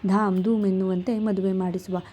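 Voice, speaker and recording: Middle-aged mother, affectionate, gentle, mellow voice, a woman plays her. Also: medium pitch, flat delivery, normal speed, close to an everyday voice.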